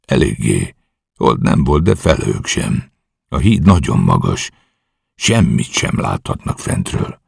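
An eager, bold young commando officer, read by a man who reports his mission earnestly and respectfully. The voice sits very deep with a gravelly edge and a husky grain. It sounds dry and close. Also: big pitch swings, no echo, heavily acted.

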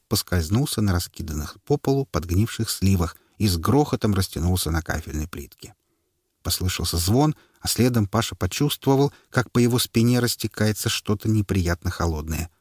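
A man reading a story aloud in measured scripted narration. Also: low-pitched, darkish tone, slightly rough, no room sound, clean studio sound. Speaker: audiobook narrator.

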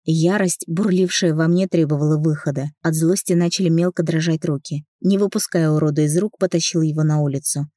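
Woman narrating an audiobook, low voice, dry close sound. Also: steady tone, brisk, few pauses, dark tone, dry recording. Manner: reads a man's first-person story, voicing the characters lightly. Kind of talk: first-person audiobook narration with dialogue.

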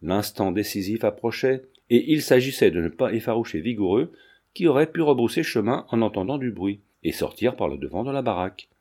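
A man narrating a classic novel in a steady, measured reading voice. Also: on the low side. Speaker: audiobook narrator.

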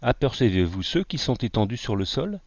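A man's voice: medium pitch, big pitch swings, brisk, no echo. A man voicing a frightened young male settler who urgently warns of danger. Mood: worried. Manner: alarmed, urgent warnings. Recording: dull lo-fi, dry.

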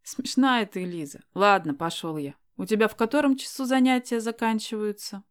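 A brash young man, read by a woman, teases and pushes with easy confidence in a storybook reading. The voice sits at an ordinary middle pitch, bold and insistent rather than gruff. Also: moderate pace, lightly acted. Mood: teasing. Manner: teasing, pushy, insistent. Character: young man, brash and self-assured suitor.

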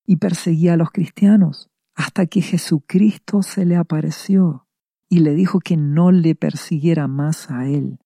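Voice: medium pitch, creaky, mellow, no echo, studio quality. A preacher giving a sermon, retelling a scripture passage and asking rhetorical questions before answering them. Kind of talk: radio sermon reading scripture.

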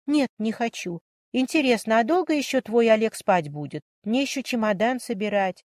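A woman reading an audiobook story voices a calm, determined young woman who speaks steadily and resolutely. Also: on the high side, normal speed, dry recording, clean studio sound, natural voice.

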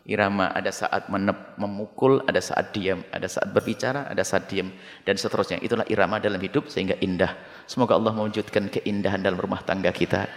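A man preaching a sermon to a congregation, lively and jumping into high-pitched mimicry of the people in his stories. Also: fast talker. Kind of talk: Islamic sermon with Q&A. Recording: long hall reverb.

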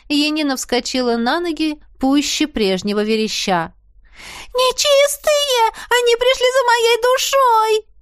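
Woman narrator, first-person storybook, expressive, higher voice, dry close sound. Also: dry recording. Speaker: audiobook narrator.

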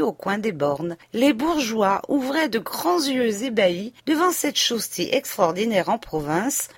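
A woman reading a classic novel aloud as an audiobook narrator, in a measured, even storytelling manner. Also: on the high side, no echo. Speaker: audiobook reader. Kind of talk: scripted literary narration.

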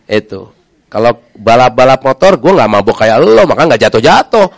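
Man, preacher, middle-aged, animated storytelling, pitch leaps a lot, dry close sound. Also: normal speed, gravelly, no room sound. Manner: animated storyteller acting out quoted voices. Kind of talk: lively testimony talk.

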